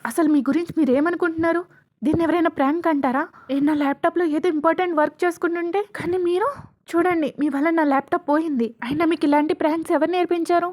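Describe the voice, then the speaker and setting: A hot-tempered young man shouts and scolds, loud and high-pitched, as a woman narrator puts him on. The voice stays sharp with anger. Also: fairly even intonation, fast. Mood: shouting angrily.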